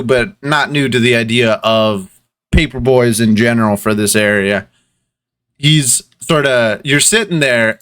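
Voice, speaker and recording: A man narrating a tabletop game as game master, relaxed and with many fillers. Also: mid-range voice.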